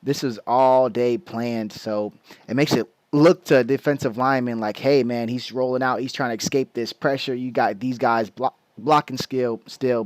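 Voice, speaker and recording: A man's voice: medium pitch, no room sound. A man giving a casual football film breakdown, loose and slangy, explaining plays with lots of restarts and the hiccups.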